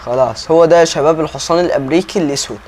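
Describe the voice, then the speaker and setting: A young man with an Egyptian Arabic accent rattles off casual gameplay commentary at a quick clip, his voice sitting a little high. He talks chattily and keeps turning to address his viewers. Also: darkish tone, a little hiss or hum. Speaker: gaming YouTuber.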